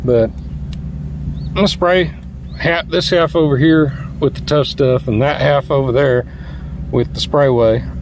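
A man's voice: mid-range voice, steady tone, unhurried, long pauses, darkish tone. Muffled, folksy man, mouth covered. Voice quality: muffled behind a face mask. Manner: folksy, plain-spoken. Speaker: DIY car-cleaning vlogger. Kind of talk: casual hands-on demonstration. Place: inside a parked car, outdoors in daytime. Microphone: handheld phone filming from behind. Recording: clear background noise inside car.

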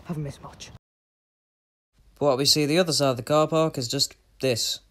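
A man giving casual vlog commentary outdoors, talking quietly and awkwardly with a self-deprecating manner. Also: fairly high pitch, fairly even intonation, moderate pace, dry recording, clean studio sound. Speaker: vlogger. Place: outdoors in wind on open grassy shoreline and streets. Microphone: handheld phone. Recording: windy outdoor phone recording, heavy noise. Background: loud wind noise.

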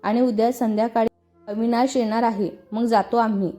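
A courteous middle-aged mother, voiced by a woman reading a story. She speaks politely in a mellow, fairly high voice, with faint music behind. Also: steady tone, moderate pace, close to an everyday voice.

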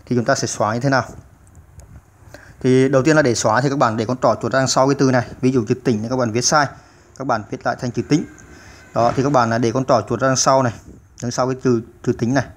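A man's voice: medium pitch, steady tone, fast. A man hosting a computer typing tutorial, explaining step by step with many "à" fillers. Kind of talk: step-by-step screen-recorded tutorial.

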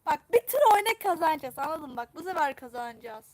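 Excitable young woman streaming a game. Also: sits high, fast talker, dry recording. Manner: excitable, repeats phrases over and over. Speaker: live streamer. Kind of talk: live gameplay commentary.

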